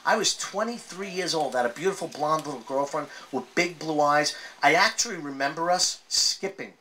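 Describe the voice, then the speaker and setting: A man performing a stand-up comedy set, telling stories with acted-out voices and loud outbursts. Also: fairly high pitch, moderate pace, rough recording. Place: live comedy venue with laughing audience. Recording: live audience crowd noise. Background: audience laughter and applause.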